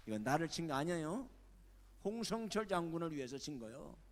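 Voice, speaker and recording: Older man, pastor, sermon storytelling, dramatic, lively pitch, gravelly, echoey church. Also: brisk, slight background noise. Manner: dramatic, acts out the characters. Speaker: senior pastor. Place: church sanctuary.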